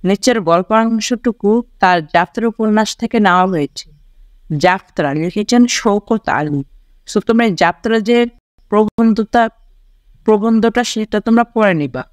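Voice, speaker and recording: A tutor from Bangladesh reads a school lesson aloud in an even, mid-pitched voice. The delivery is deliberate, with each word repeated slowly to show its pronunciation. The recording is close and dry, with no room sound. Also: no room sound. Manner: starts sentences with English "so", spells out pronunciations slowly and repeats words. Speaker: online tutor for school students. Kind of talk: reading a textbook lesson aloud.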